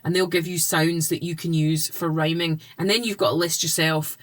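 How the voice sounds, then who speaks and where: A woman with a fairly low voice, talking as a reading tutor. She explains her tips patiently and without rushing, in the plain manner of an instructional vlog. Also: steady tone.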